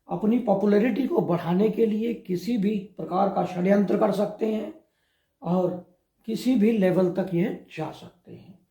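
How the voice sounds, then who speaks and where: Male astrologer, higher-pitched, mellow and slow, measured explainer in an echoey room.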